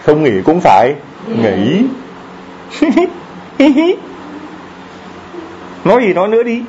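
Lively joking preacher, lo-fi church recording. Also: male voice, sits high, very slow, a little hiss or hum. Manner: lively, joking, asks the congregation questions. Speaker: priest. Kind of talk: sermon.

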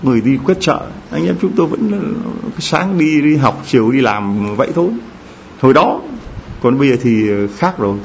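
A middle-aged man preaches in a church, telling stories and tossing questions to the congregation. His pitch sits in the middle for a man. The recording is dull and lo-fi, with a faint hum of the room behind him. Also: moderate pace, gravelly. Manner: storytelling, lively, addresses congregation directly with questions. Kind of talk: sermon. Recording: dull low-fi sound with faint ambience.

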